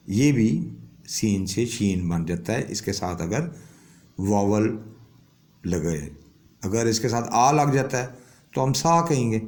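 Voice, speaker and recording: ایک مرد استاد جو کلاس میں صبر سے حروف کی آوازیں سمجھاتا ہے اور بار بار "ٹھیک ہے" پوچھتا ہے۔. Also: male voice, medium pitch, darkish tone. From Pakistan. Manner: explains patiently with many check-ins. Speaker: language teacher. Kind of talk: classroom lesson explaining an alphabet.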